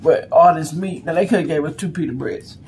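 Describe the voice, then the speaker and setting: A woman's voice: deep voice, fairly quick, darkish tone, a little hiss or hum. A middle-aged American woman chatting casually over a meal, chewing while she talks. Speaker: mukbang host. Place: small room at home. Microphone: camera at table's length.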